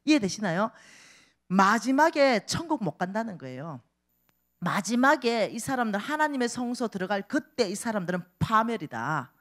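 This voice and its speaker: A woman's voice: fairly high pitch, very animated, moderate pace, fairly bright tone. A middle-aged woman preaching a revival sermon in a church, telling a story with dramatic quoted voices. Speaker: revival speaker.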